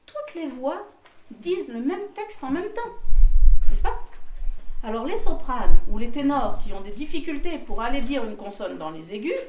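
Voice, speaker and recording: A woman guides a group of singers through vocal technique, lively and quick to laugh, demonstrating with short sung lines. Her high-pitched voice moves at a moderate pace. The audio, taken from a distant mic in an echoey room, carries a little hiss or hum.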